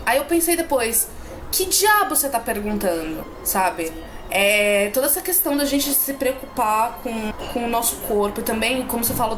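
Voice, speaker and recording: A young woman with a Brazilian accent, a podcast guest in casual chat, candid, swearing and self-mocking. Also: fairly high pitch. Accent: Brazilian Portuguese. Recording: noisy room.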